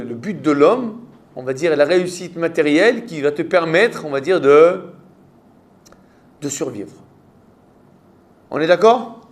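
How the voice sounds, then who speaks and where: A man with a French accent, a rabbi giving a Torah class and quizzing his students with rhetorical questions. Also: on the high side.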